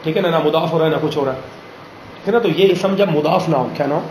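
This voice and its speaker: A man teaching a grammar lesson in a classroom, pausing often to ask students questions and slowing down on examples. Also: on the high side, a little mellow, slight background noise. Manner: drills students with frequent check questions; slows down to spell out example phrases. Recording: roomy classroom echo.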